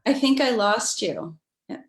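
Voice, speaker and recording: A woman's voice: on the high side, very animated, measured pace, reverberant. A woman homeopath, flustered and apologetic, on a live video call whose audio keeps dropping out. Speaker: homeopath guest. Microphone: computer or phone on a video call.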